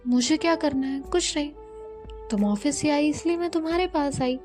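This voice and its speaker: A clingy young girlfriend speaks in a pouty, affectionate way, read by a female storyteller. Her voice is somewhat high, with faint music behind it in a storybook audio. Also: moderate pace, a little mellow, close to an everyday voice. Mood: sulky.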